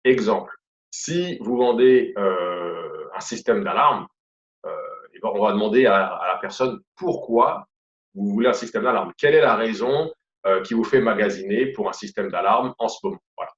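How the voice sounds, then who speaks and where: A man's voice: on the low side, moderate pace. A man with a Quebec French accent giving a casual sales lesson, chatty and full of fillers and repeated stock phrases. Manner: chatty, repeats "voilà" and "tout simplement", many fillers. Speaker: sales trainer. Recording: roomy, dull lo-fi audio.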